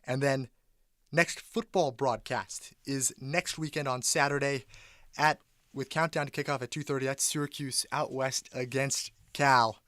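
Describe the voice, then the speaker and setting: A man's voice: medium pitch, steady tone, a little slow, fairly bright tone, no echo, clean studio sound. A man presenting a sports radio broadcast, wrapping up and handing over to the next show. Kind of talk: broadcast wrap-up and handoff.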